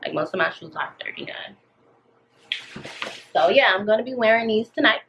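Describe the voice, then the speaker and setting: A woman's voice: medium pitch, animated, normal speed, creaky, fairly bright tone. An American woman in her thirties vlogging casually, chatting in slangy girl-talk to her viewers. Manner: slangy, girl-chat way of talking, addressing viewers as y'all. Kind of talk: casual chatty get-ready-with-me vlog. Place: bedroom at home, indoors. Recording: dull audio with room noise.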